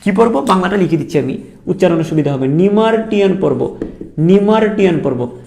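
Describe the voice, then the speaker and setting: Give me a young male biology teacher with a high, gravelly voice who repeats key terms and quizzes students. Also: expressive, fast talker, a little mellow. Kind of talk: online exam-prep lecture.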